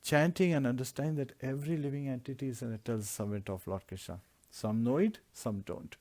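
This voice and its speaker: A man's voice: mid-range voice, a little fast, a little mellow. Earnest man teaching a scripture class. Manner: explains Sanskrit verses word by word in English; earnest preaching with repeated lists.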